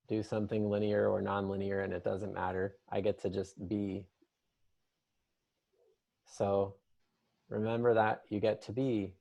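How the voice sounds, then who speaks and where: Speaking low with a touch of vocal fry, a man leads a guided meditation he improvises conversationally. His manner stays gentle and unhurried, with long pauses between phrases.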